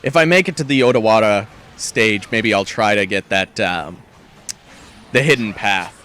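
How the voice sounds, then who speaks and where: A man's voice: lowish voice, moderate pace, fairly bright tone. A man live-streaming a game, chatting casually with rambling asides and fillers. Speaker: gaming streamer.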